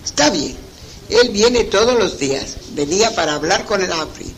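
A man's voice: high-pitched, lively intonation, moderate pace, fairly bright tone, a little hiss or hum, low-quality recording. A man voicing a curious young girl who recounts what she found. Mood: earnest.

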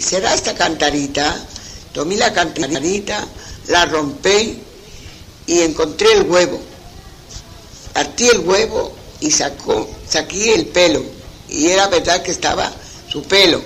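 A man's voice: sits high, a bit bright, slight background noise, poor audio. A man voicing a curious young girl.

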